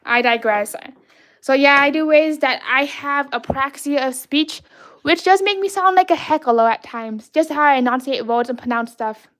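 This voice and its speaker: High, childlike woman chatting on a livestream. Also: moderate pace, a bit bright. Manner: childlike, playful, chatty with frequent restarts. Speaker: livestream artist host. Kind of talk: casual livestream chat while drawing.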